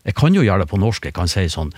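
A low-pitched man talks in a dry, close studio sound, explaining step by step as a radio panel expert. He takes his time, fills gaps with hesitations and restarts half-finished phrases. The delivery is patient and conversational. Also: very animated, a little mellow, breathy edge, dry recording. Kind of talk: explaining on a radio talk show.

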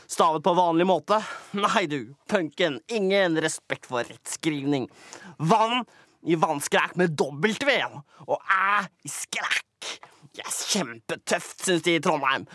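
A male comedy show host performs theatrical, mock-dramatic documentary narration that swings between booming and hushed tones. The studio recording is clean, with no echo.

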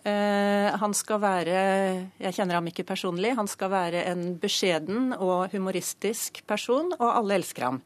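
A woman's voice: medium pitch, hardly any pauses, no room sound. A woman professor chairing a prize committee, explaining her field in a studio news interview with frequent hesitations and fillers.

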